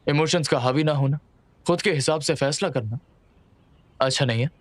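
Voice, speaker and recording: A man's voice: on the high side, moderate pace, close to an everyday voice. A man dubbing a reserved young businessman who speaks curtly and rationally. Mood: restrained. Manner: curt, restrained, flat. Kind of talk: Hindi dub of a drama.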